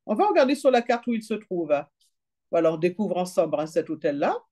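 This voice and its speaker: A woman's voice: fairly low pitch, very animated, dark tone. A woman chatting her way through an app demonstration, reading prices aloud and tagging sentences with little fillers. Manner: chatty, peppered with "hein" and "d'accord"; reads prices and numbers aloud slowly. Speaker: travel deals presenter.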